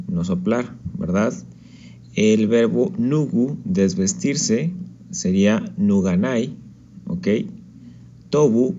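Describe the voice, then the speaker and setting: A man's voice: fairly low pitch, dark tone, dull audio, slight background noise. A man teaching a language lesson over slides, talking patiently and checking in with the listener. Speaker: Japanese teacher.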